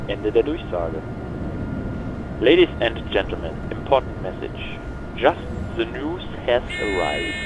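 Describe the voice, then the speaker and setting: Muffled audio, loud cabin drone, man acting as German-accented train conductor, formal flight-attendant-style announcements, game role-play. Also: medium pitch, background noise, close to an everyday voice. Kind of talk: read-out onboard announcement.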